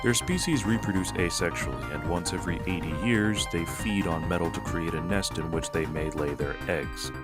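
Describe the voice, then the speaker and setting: A man narrating a scripted video essay in a deliberately pompous, mocking tone. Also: deep voice, loud music behind the voice.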